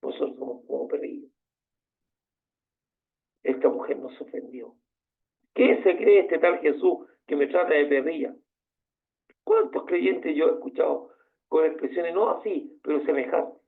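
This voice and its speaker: High, gravelly preacher man. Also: measured pace, pauses often. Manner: impassioned preaching with rhetorical questions. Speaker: pastor. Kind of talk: sermon. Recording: tinny phone-like sound.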